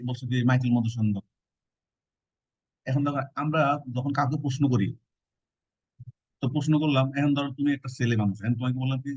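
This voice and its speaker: A man's voice: mid-range voice, darkish tone, dry recording. Man teaching with joking memory tricks. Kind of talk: exam-prep lecture. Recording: dull, dry lo-fi recording.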